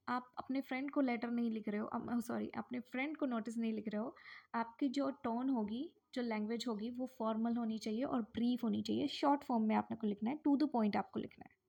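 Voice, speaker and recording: A woman teaching an exam-preparation lesson, her voice sitting a little above the usual pitch. She explains step by step, posing questions to the class and answering them at once. She slows right down when she reads out key phrases. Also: gravelly, a little mellow, muffled recording. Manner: slows down reading English phrases. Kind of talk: explaining lesson in mixed Hindi and English.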